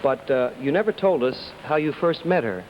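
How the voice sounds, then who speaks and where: A man's voice: mid-range voice, animated, moderate pace. A man hosting a 1950s live quiz show in a chipper announcer manner, on a dull, noisy vintage broadcast with an audience behind him. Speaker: game show host.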